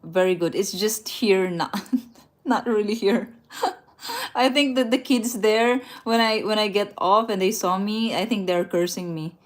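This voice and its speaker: On a laid-back travel livestream at night, a Filipina woman reads viewer comments aloud from a rented room. Her voice sits in the mid range and her pace is measured, and she laughs a lot and keeps restarting her sentences.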